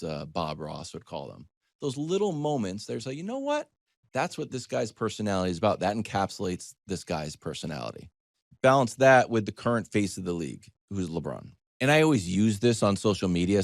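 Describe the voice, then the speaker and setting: An American man talks sports as a commentator in a conversational, animated way, wandering off on tangents and poking fun at himself as he tells stories. His voice is mid-range, and the studio recording is clean with no room sound.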